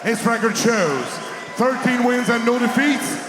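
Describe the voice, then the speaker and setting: A man's voice: very high voice, slow. A man working as a boxing ring announcer, projecting formal arena introductions and stretching out names. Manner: switches between French and English. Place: large indoor boxing arena. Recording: echoey arena PA with loud crowd. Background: crowd noise.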